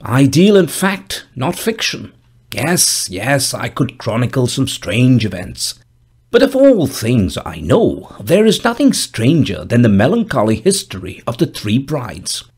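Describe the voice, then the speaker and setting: A man voicing a stern, dry-humored gravedigger of about fifty, speaking in a grave, measured, solemn way in an audiobook. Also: mid-range voice, huge pitch swings, darkish tone, slightly rough, exaggerated voice. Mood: ominous. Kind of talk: audiobook character voice.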